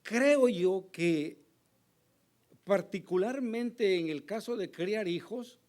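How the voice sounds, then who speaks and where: Hoarse man preaching a sermon. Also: sits high, expressive, takes it slowly, darkish tone. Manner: earnest preaching with emphatic rises and asides to the congregation. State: hoarse, recovering from lost voice. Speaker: pastor.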